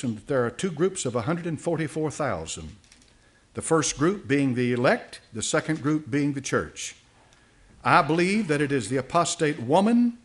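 An older man preaching a sermon from a church podium, reading aloud and commenting with many fillers and restarts. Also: mid-range voice. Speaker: pastor. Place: church sanctuary. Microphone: podium mic.

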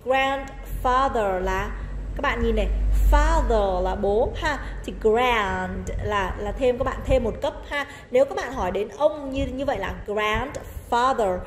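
Woman, English teacher for kids, fairly high voice, slow careful word modelling, echoey reverberant room. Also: expressive. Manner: explains in Vietnamese, models English words slowly. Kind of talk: online English lesson for children. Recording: echoey room with long reverb, faint noise.

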